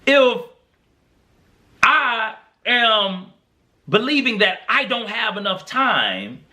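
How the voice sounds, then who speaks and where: Earnest young man with bright voice. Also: high-pitched, very animated, slow pace. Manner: earnest, encouraging, preacher-like repetition. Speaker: podcast host. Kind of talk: motivational podcast monologue.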